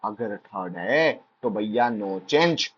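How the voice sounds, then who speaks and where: A man's voice: fairly low pitch, animated, very slow, husky, lo-fi sound. A male teacher giving an exam-prep grammar lesson, drilling points playfully with jokey asides.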